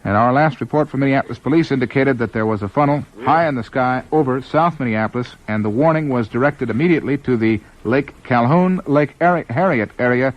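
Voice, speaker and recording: An American man anchoring live emergency storm coverage on radio, measured but informally ad-libbing. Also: mid-range voice. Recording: muffled 1960s AM radio broadcast.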